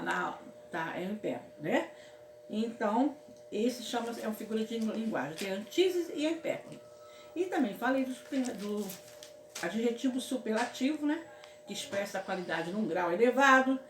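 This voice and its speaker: This woman from Brazil speaks at medium pitch, animated but moderately paced, as she leads a relaxed grammar lesson. She fondly addresses her students as "my loves," checking on them often with a repeated "certo, meus amores?" Faint ambience fills the echoey room, along with a little hiss or hum.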